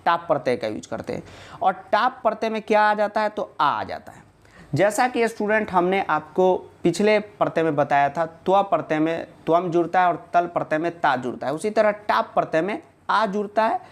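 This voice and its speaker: A man's voice: high-pitched, animated, moderate pace. A man teaching a casual online video lesson. He asks questions and answers them himself, joking with students and reassuring them.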